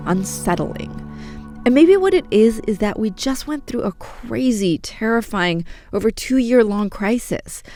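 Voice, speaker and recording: A woman as guest host of a public radio show, reading her introduction and asking questions in a measured, scripted way. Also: medium pitch.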